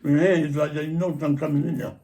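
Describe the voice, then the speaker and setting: A man's voice: a little high, steady tone, rapid-fire, dark tone. A middle-aged man, chatting casually and teasingly over a meal, chewing while talking. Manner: playful teasing. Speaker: mukbang co-host.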